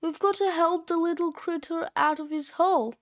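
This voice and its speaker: A woman's voice: extremely high pitch, fairly even intonation, moderate pace. A woman reading aloud, voicing a mischievous, teasing old grandfather.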